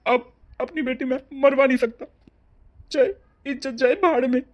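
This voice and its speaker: A woman's voice: sits high, steady tone, normal speed, muffled recording, lightly acted. A woman voicing a grieving father in a cartoon drama. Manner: pleading, heavy and grief-stricken. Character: grieving middle-aged father of the bride. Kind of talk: cartoon family drama dub.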